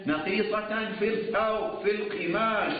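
A man's voice: high voice, steady tone, moderate pace. A man teaching religious law in a lecture, with a chanting sing-song cadence, rhetorical questions. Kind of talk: classroom lecture on jurisprudence. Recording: tinny, echoey, distant lo-fi lecture recording.

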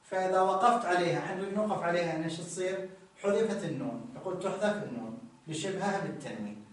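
A man teaching grammar, repeating examples slowly and telling listeners to notice each form. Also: sits high. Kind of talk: explaining grammar rules with examples. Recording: very echoey room, distant mic.

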